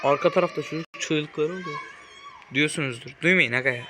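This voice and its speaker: A man's voice: a little high, fairly quick, heavy background noise. A young man from Turkey giving casual, joking commentary on a horror game as he plays, often swearing and yelping at it. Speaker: gaming YouTuber. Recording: loud game music behind the voice.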